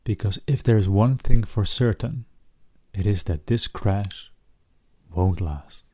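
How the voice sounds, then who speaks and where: A man with a husky, low, dark voice gently leads a calming relaxation in the style of a sleep story. Long pauses fall between his brief phrases, and the recording is dry and close.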